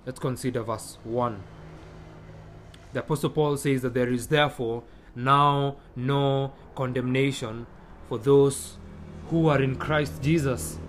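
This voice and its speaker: A man's voice: mid-range voice, fairly even intonation, measured pace, a little hiss or hum. A man preaching a sermon at a communion service, reading scripture aloud and then expounding it with emphatic bursts and frequent hesitations. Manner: frequent hesitations and repeated words. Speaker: pastor.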